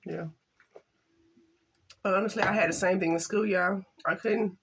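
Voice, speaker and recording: An older woman chatting casually to camera while eating, halting and soft-spoken, with some stutters. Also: mid-range voice, steady tone, a little hiss or hum. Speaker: mukbang vlogger.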